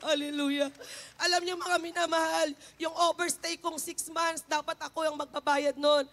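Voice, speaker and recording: A woman gives an emotional testimony in church, speaking fervently and returning again and again to a tender phrase for her listeners. Her voice is high and bright, and she holds it to a fairly narrow, steady melody. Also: normal speed. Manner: fervent, repeats a refrain of endearment to the congregation. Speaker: church member giving testimony.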